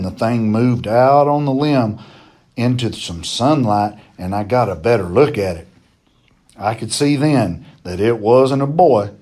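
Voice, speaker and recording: A man reading a children's novel chapter aloud in a steady, plain storytelling manner. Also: mid-range voice.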